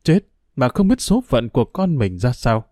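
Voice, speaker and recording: A man narrating a novel in a steady storytelling manner. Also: mid-range voice, moderate pace, dry recording, clean studio sound. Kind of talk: audiobook narration.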